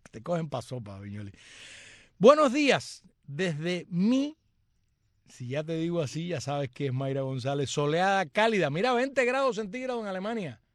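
A man's voice: a little high, lively intonation, brisk, hardly any pauses, no echo, studio quality. A man, hosting a radio show and live stream, reading listener comments aloud with joking asides. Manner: chatty, joking asides and greetings.

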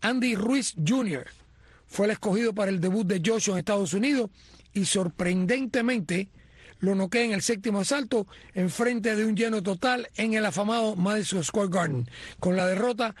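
A man's voice: high-pitched, moderate pace, husky, no echo. A man reading a prepared boxing report as a sports commentator. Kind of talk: sports news segment.

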